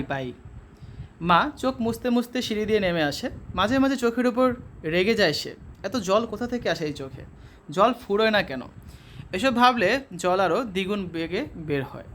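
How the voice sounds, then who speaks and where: Male teacher, high voice, steady textbook reading, faint noise behind. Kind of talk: reading a textbook story aloud for a lesson.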